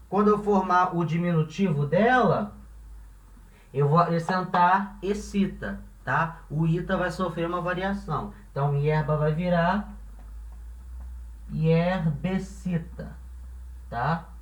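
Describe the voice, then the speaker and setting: In a language lesson delivered like a classroom explanation, a man whose first language is Portuguese repeats every example and keeps making sure the listener follows along, all with patience. His voice is high. The audio is dull, picked up from afar in a room with echo.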